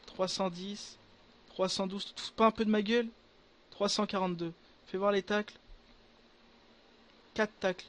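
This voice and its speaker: A young man giving casual gameplay commentary to his viewers, excitable and full of crude slang. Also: high-pitched, normal speed, pauses often. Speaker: gaming video creator.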